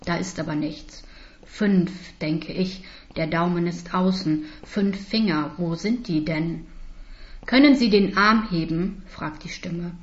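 Slow-reading woman, soft whispered asides. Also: on the low side, steady tone. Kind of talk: scripted first-person story reading. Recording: dull lo-fi recording.

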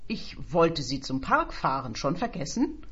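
A woman's voice: low voice, sing-song, unhurried, a bit bright, husky, lo-fi sound, exaggerated voice. Woman reading a weary middle-aged man. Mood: matter-of-fact. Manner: weary and grumbling. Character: tired, bitter middle-aged male impersonator.

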